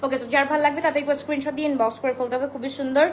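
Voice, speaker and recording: A high-voiced woman races through a live-stream dress sale for her online boutique, speaking into a phone. Chatty, she greets viewers by name and mixes in English phrases, with a roomy echo and steady background noise around her.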